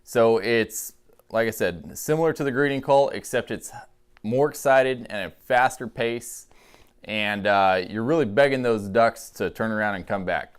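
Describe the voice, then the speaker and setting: A man giving a casual, folksy instructional demonstration in a clear voice, as a calling instructor. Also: mid-range voice, moderate pace.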